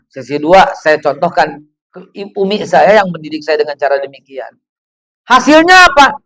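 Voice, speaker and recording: A man, preaching to a women's gathering in an animated storytelling way, full of rhetorical questions. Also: sits high, poor audio.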